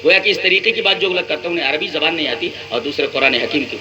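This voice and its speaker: A man, an Islamic scholar, giving a religious lecture, explaining point by point with rhetorical questions and slowly reciting verses. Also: on the high side, animated, highs cut off. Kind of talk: religious lecture comparing scriptures. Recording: noisy lecture recording.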